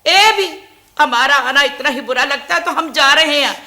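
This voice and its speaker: A woman's voice: high-pitched, unhurried, sharp tone, exaggerated voice. An actress playing a quarrelsome, self-pitying widowed grandmother in an old TV sitcom, scolding and complaining dramatically. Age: older.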